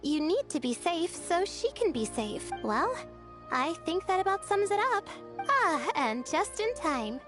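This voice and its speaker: A woman voicing a shy, sleepy young female student in a video game, who speaks softly and hesitantly and stammers when she is nervous. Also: very high voice, very animated, a little slow, full character voice. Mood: calm. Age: young adult. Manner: hesitant and stammering, soft-spoken. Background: soft game music.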